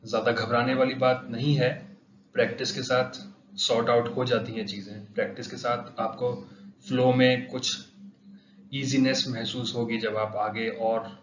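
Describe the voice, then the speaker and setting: A man's voice: mid-range voice, little pitch movement, normal speed, noisy background. A man teaching pronunciation, saying each example word twice for drilling. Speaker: language teacher. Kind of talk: pronunciation lesson. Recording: roomy, dull lo-fi sound.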